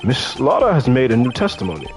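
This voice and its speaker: A man's voice: mid-range voice, wildly swooping pitch, quick pace, soft background music. A man voicing a meek, flustered elderly judge who speaks formally and apologetically.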